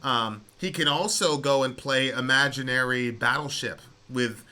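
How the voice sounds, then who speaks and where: Forceful, bright-voiced male talk host. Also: mid-range voice, a little slow. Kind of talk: opinionated conversational radio talk with a caller.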